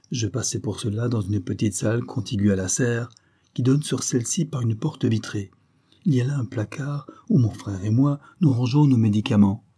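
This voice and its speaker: A man's voice: medium pitch, dark tone, slightly rough, lightly acted. A man voicing a frightened young woman who pleads in a tremulous, breathless way in a detective audiobook.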